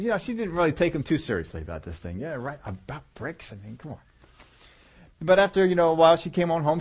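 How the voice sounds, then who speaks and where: A man tells a story within a sermon in a folksy way, chuckling every so often and dropping his voice low and soft for key lines.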